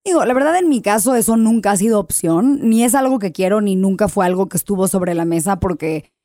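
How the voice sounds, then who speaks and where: A Mexican woman, a guest on a podcast, telling her story candidly and in an animated way, swearing freely. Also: medium pitch, a little fast, no room sound, clean studio sound. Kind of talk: casual podcast chat.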